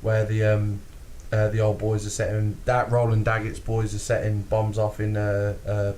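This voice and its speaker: On a laid-back podcast, this British male co-host talks at normal speed in a lower voice. He's animated and sweary, laughs often and performs the lines he quotes, over slight background noise.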